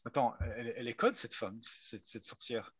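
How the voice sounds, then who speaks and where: A man with a mid-pitched voice plays a tabletop role-playing game. He talks casually and bluntly, and the sound is dry with no room echo. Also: sing-song, normal speed, a bit bright, breathy edge.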